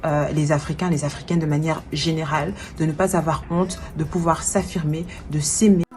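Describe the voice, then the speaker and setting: A woman's voice: low voice, little pitch movement, fairly quick, a little mellow, faint music behind. A woman in her twenties, a life coach, giving an earnest and reflective personal video message while she searches for her words. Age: 20s. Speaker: life coach and event planner.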